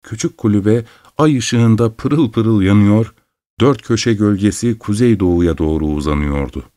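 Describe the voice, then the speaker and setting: A man narrating a literary story with a measured, unhurried manner. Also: fairly low pitch, dark tone.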